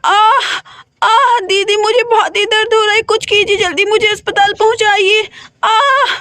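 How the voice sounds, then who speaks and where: A woman's voice: very high-pitched, little pitch movement, normal speed, bright, forceful tone, no room sound, clean studio sound. Woman voicing a moaning pregnant village woman in labour. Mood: pained pleading. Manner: moaning and pleading.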